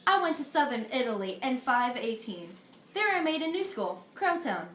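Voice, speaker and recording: A teenage girl with a high, sing-song and slightly bright voice plays the philosopher Pythagoras in a school mock interview, recorded in an echoey room. For her history project she recites her answers earnestly, a little haltingly, with small slips. Her character is the ancient Greek thinker as an earnest older man.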